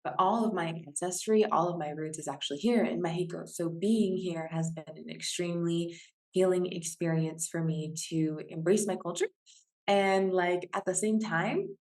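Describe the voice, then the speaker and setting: A woman from Washington State hosts a conversational interview with upbeat enthusiasm. Her voice sits a little low for a woman. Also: moderate pace, a little mellow. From Washington State, USA. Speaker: podcast host.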